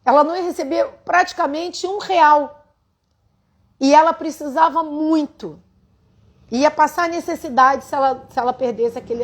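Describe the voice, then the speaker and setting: A Brazilian woman with a somewhat high voice tells a story in earnest. She speaks with a Brazilian Portuguese accent and talks directly to her listeners, as a spiritual teacher would. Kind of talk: storytelling to an audience.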